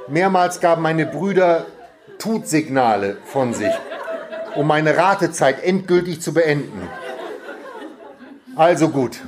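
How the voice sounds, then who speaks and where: A man reading a humorous first-person story aloud, lively and amused, often laughing as he reads. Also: a little high. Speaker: reader.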